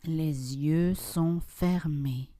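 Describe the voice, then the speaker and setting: The sound is dry and intimate, with no room reflections and no room sound, as a woman guides a deep relaxation session. As a yoga nidra guide, she uses a mellow, soothing voice and speaks very slowly and softly. Her calm instructions are broken up by long pauses.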